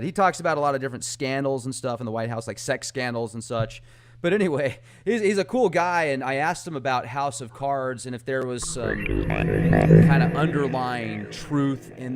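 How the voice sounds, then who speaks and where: A man's voice: medium pitch, gravelly. A man hosting a podcast, chatting in a casual, rambling way and laughing easily. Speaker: podcast host.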